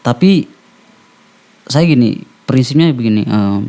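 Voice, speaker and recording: Podcast guest: male rapper, halting, restarts a lot, everyday mid voice. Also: mid-range voice, animated, warm tone. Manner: halting, searching for words, frequent restarts. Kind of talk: casual chat.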